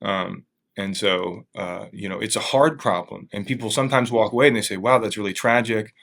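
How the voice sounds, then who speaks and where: Man, interviewee, lowish voice; careful, halting explanations in a thoughtful conversational register. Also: vocal fry, a bit bright. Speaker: museum staff member being interviewed.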